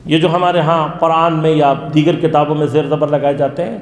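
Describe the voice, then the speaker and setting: A man's voice: fairly high pitch, steady tone. A male religious lecturer giving an interactive lesson, asking his listeners questions and then answering them himself. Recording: echoey hall.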